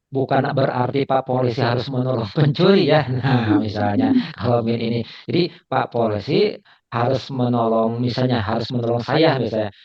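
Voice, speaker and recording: A man teaching Arabic grammar in an online class, patient and repetitive, sometimes laughing at his own slips. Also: mid-range voice. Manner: patient, repeats phrases, admits slips with a laugh. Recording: dull lo-fi online call audio.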